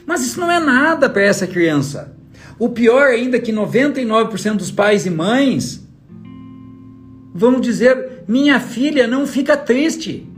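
A man's voice: very high-pitched, expressive, unhurried. A man giving an emphatic motivational talk as a trainer, full of rhetorical questions aimed at the listener. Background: faint guitar music.

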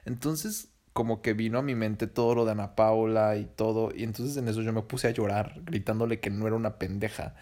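A man's voice: fairly low pitch, fairly even intonation, fairly quick, few pauses, darkish tone. A young man with a Mexican accent telling a personal story in a casual, slangy, profane and rambling way.

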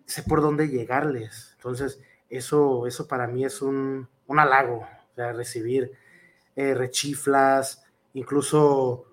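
A man's voice: mid-range voice, little pitch movement, takes it slowly. A man with a Mexican accent, a professional wrestler answering interview questions in an earnest, rambling way full of fillers and restarts.

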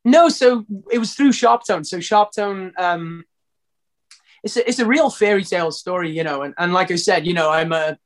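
In a casual interview, a Welsh singer with a strikingly high voice chats at a moderate pace. He rambles, restarts his sentences, and relies on fillers the whole way through, keeping everything loose and informal.

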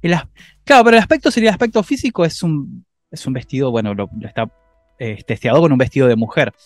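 A man with an Argentine accent co-hosting a casual tech podcast, animated, his voice jumping up when excited. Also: medium pitch, quick pace, soft background music. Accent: Argentine Spanish. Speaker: podcast co-host.

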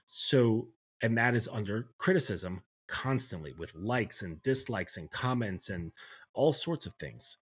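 His voice sits fairly low, expressive and slightly rough, with a slightly slow delivery. As a men's coach on a podcast, he talks reflectively, often pausing to check in with the listener.

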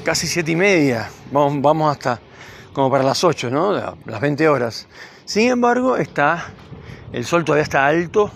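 A Cuban-born man hosts his podcast while strolling down a city street, talking off the cuff in a rambling, easygoing way. His voice sits a bit high and has a gravelly, fry-laden texture. Cars pass quietly in the background. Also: background noise. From Cuba. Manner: rambling, loose and conversational. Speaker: podcast host. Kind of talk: improvised monologue while walking. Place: outdoors on a city street at dusk. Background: passing cars.

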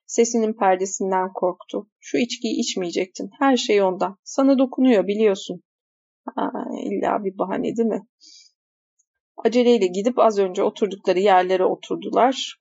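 A woman's voice: medium pitch, gravelly, a little mellow, highs cut off. Woman reading a novel aloud. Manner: pauses to comment on the text. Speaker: reader.

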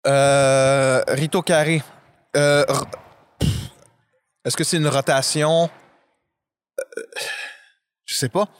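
A man's voice: mid-range voice, fairly even intonation, very slow, pauses often, clear, resonant tone. A man with a Québécois French accent, a talkative podcast guest who rambles and pokes fun at himself. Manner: talkative, self-deprecating, rambling. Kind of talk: casual conversation.

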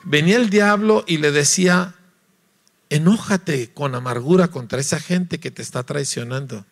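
A man from Mexico, preaching a lively sermon, acting out voices and asking his listeners to agree. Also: on the high side, moderate pace, vocal fry. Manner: animated, acts out voices, sings notes, asks listeners "¿verdad?".

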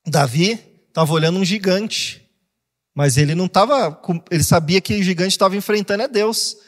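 A Brazilian man preaching a sermon as pastor, animated, acting out quoted voices with jokes along the way. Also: sits high, normal speed. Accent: Brazilian Portuguese. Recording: long hall reverb.

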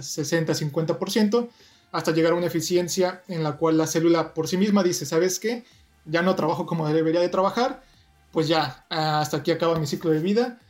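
A young man from Mexico with a Mexican Spanish accent, a guest in an interview, explaining things step by step in a measured way. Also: a little high, a little mellow. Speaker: guest, doctoral researcher.

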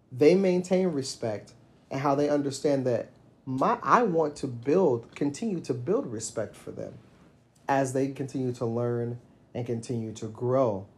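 A middle-aged man in casual conversation, reflecting on fatherhood and telling stories, getting animated when he quotes himself. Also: medium pitch. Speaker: podcast co-host.

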